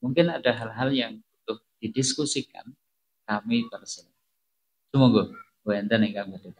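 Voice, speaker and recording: A man's voice: fairly low pitch, moderate pace, slightly rough. Man teaching a study group. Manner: conversational, mixes in regional words, rhetorical questions to the audience. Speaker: preacher. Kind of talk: religious study Q&A.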